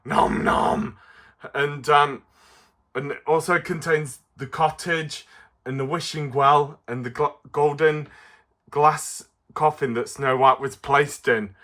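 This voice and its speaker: A man presenting a casual toy review to camera, with an excitable, playful kids-show delivery that is often halting and hesitant. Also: on the high side.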